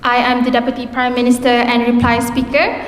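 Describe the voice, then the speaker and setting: A woman's voice: fairly high pitch, little pitch movement, fairly quick. A young woman from Malaysia introducing herself as a debater. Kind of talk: self-introduction. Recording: roomy hall reverb.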